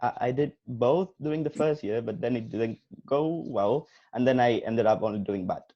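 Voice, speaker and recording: A man's voice: medium pitch, normal speed, muffled recording. A young man, a university student, earnestly explaining his degree on a video call. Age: young adult. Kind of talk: casual self-introduction.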